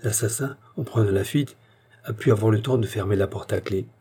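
A man's voice: fairly low pitch, a little fast, mellow, husky. A man reading the part of a bold, ironic young woman defending herself and her husband.

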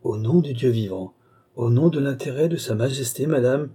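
A man's voice: mid-range voice, moderate pace, dark tone, slightly rough, pitched above the performer's own voice, close to an everyday voice. A man voicing a proud, stubborn police chief in an audiobook, indignant and defiant.

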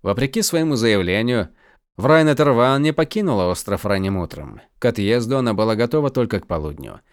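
A man narrating an audiobook in an expressive storytelling manner. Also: medium pitch, fairly quick, dry recording, clean studio sound. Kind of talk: scripted narration.

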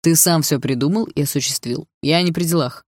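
An audiobook reader voicing a scheming young older brother who lectures and quietly threatens. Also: mid-range voice, a little fast, dry recording, clean studio sound, close to an everyday voice. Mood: threatening. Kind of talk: audiobook dialogue.

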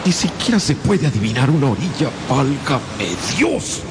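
An actor playing an impatient, stubborn older professor in a radio drama, with theatrical, exclamatory delivery. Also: male voice, mid-range voice, sing-song, moderate pace. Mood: defiant, furious. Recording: loud sea and wind effects behind.

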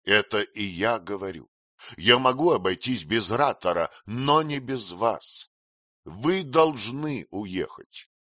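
A man's voice: lowish voice, lively intonation, takes it slowly, sharp tone, dry recording, clean studio sound, heavily acted. A man reading an audiobook, voicing a young man who pleads earnestly and insistently. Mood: urgent pleading.

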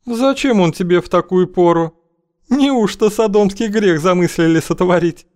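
A man's voice: high-pitched, normal speed, a little mellow, voice pushed up, lightly acted. A man reading an audiobook, voicing a bold, scheming older woman matchmaker who talks in a languid, teasing, coaxing way.

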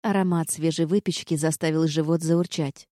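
Low, mellow woman narrating an audiobook. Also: steady tone, moderate pace, no room sound, studio quality. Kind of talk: first-person audiobook narration.

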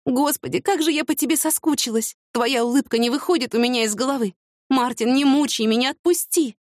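A woman's voice: a little fast, dry recording, studio quality, natural voice. Woman doing Yana, a jumpy young heroine. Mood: pleading. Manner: raised pitch, excitable. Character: young woman heroine, sharp-tongued, easily frightened.

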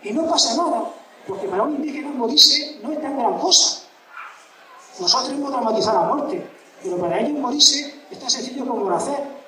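Ironic lecturer from in an echoing hall. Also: male voice, very high voice, lively intonation, brisk, bright, forceful tone. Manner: emphatic, ironic and rhetorical. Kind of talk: public lecture. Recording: echoey hall from far off with background noise.

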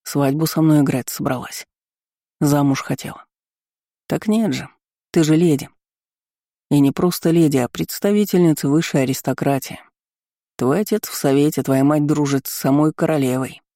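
A cold, sardonic young man from an audiobook, as a reader puts him on, bitter underneath and mocking in a cool, cutting way. The voice is dark and mellow, recorded dry and close. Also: medium pitch, moderate pace, dry recording, natural voice.

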